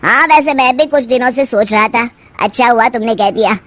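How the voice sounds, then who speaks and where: A woman's voice: on the high side, fairly quick, fairly bright tone, close to an everyday voice. A woman voicing a meek young husband in a cartoon, hesitant and yielding. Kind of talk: cartoon voice acting.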